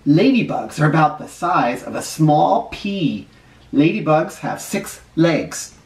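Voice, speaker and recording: A middle-aged man teaching first grade reads a picture book aloud, stressing key words and keeping explanations simple for young children. His voice is on the high side, expressive and darkish, taking its time, captured by a camera a short distance away with a roomy, distant quality.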